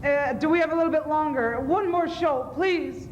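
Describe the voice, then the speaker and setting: Man playing a fretful, very high-voiced Adam. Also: moderate pace, echoey room, dull audio. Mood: pleading. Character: fretful, guilty, pleading Adam, the first man. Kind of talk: amateur stage comedy acting. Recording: noisy, rumbling amateur stage recording.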